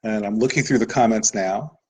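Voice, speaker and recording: A man's voice: fairly low pitch, a little fast, breathy edge, low-quality recording. A man presenting a live webinar lesson over slides, explaining patiently with occasional "uh"s.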